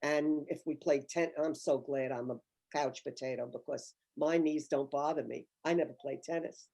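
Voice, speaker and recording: Older woman, low mellow voice. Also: steady tone, normal speed. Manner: thoughtful, storytelling, emphatic. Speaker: author guest. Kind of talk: conversational interview.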